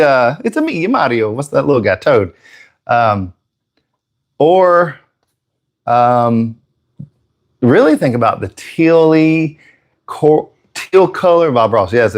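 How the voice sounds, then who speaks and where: A man hosting a live airbrush painting stream, chatting casually and joking with viewers, slightly out of breath. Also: mid-range voice.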